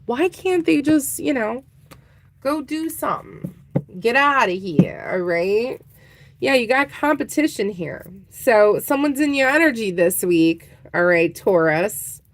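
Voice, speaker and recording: A woman's voice: a little high, animated, measured pace. A woman giving a casual tarot reading, chatting straight to her viewers and laughing easily. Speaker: tarot reader.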